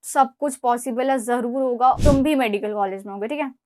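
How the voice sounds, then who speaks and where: Young indian woman coaching exam kids, high voice, blunt and pushy but encouraging. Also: fairly quick, background noise. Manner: direct, scolding and encouraging, talks straight to students. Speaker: exam prep mentor. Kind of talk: motivational study advice.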